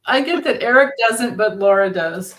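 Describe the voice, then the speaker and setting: A woman's voice: medium pitch, expressive, moderate pace, fairly bright tone, a little hiss or hum. A woman co-hosting a tarot livestream, chatting casually and laughing often. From Kentucky. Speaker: tarot reader co-host.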